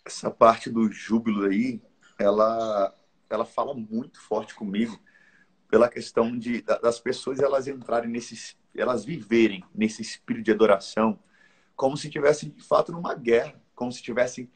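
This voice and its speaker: A man's voice: mid-range voice, fairly even intonation, normal speed, breathy edge. A man, a pastor, talking in a reflective, emphatic way during a casual conversation.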